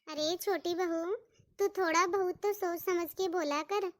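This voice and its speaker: For a cartoon, a woman with an extremely high voice plays a stern but fair mother-in-law who scolds and gives orders, calling her daughters-in-law "bahu." She speaks a little slowly in a steady tone, and the recording is dry with clean studio sound.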